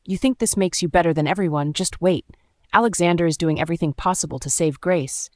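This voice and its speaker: A woman's voice: fairly low pitch, a little fast, a little mellow, no room sound, lightly acted. Defiant, bitter young she-wolf, storybook read by a woman, dry close sound. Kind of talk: storybook narration.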